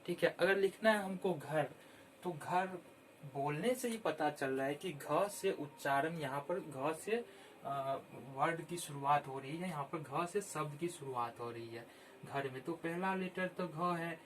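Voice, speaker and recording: A man teaching children how to spell words, repeating each word slowly and clearly. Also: on the high side, a bit bright, slight background noise. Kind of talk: slow, patient Hindi spelling lesson.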